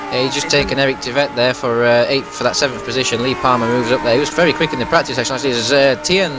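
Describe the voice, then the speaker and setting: A male motorsport commentator calls a live race at a rapid clip. His pitch sits in the middle range for a man, and clear vehicle noise runs behind him. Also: fairly even intonation.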